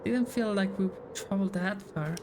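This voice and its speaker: A female streamer reads visual novel dialogue aloud in character, at medium pitch and normal speed. Game music plays behind her voice.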